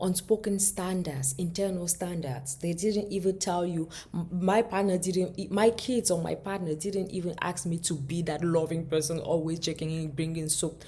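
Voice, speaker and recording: Low, husky-voiced woman, earnest and reflective. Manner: earnest, thoughtful, with frequent restarts and dropping to soft near-whispers. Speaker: relationship vlogger. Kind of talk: reflective personal talk to camera.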